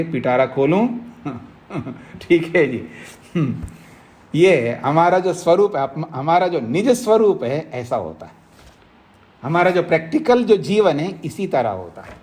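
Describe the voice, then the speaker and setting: A middle-aged man, a swami, teaching a scriptural lecture to students, explaining slowly with repetition, quizzing the class, and acting out both sides of a debate. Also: on the high side, darkish tone. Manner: acts out both sides of a debate in raised tones. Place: ashram classroom.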